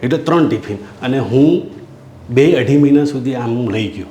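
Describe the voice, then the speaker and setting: A middle-aged man with a Gujarati accent, a school principal, tells a heartfelt story from his school, calling his listeners sir. His medium-pitched voice is mellow and moderately paced, with the highs cut off. An echoey room adds slight background noise.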